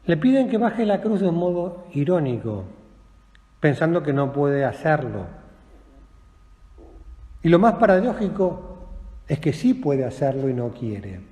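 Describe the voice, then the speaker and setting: A man, a priest, giving a slow, solemn meditative sermon with long pauses and endings that fall soft. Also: fairly high pitch, sing-song. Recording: echoey, long reverb of a large room.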